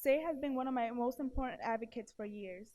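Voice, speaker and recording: An early-twenties woman serving as award presenter earnestly speaks a prepared testimonial before an audience. She sounds mellow and a little high, talking fairly quickly, and her stutter brings blocks and repeated syllables.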